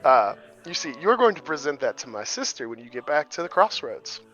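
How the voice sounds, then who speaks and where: A scheming prince speaks smooth, formal and wry, with a persuasive edge in every line, as a game master puts him on. The voice sits a little high for a man. The audio is muffled and lo-fi, with faint music underneath. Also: sing-song, fairly quick, fairly bright tone. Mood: sly. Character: scheming adult male prince, smooth and commanding.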